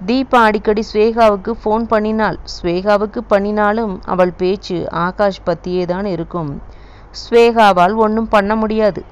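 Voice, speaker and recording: Brief: woman audiobook narrator, steady reading, mid pitch. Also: highs cut off.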